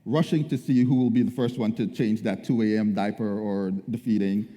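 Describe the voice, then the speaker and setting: Mellow-voiced man in a reverberant room. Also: fairly low pitch, steady tone, normal speed. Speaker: co-speaker in a couples' talk. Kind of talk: casual faith-based relationship talk.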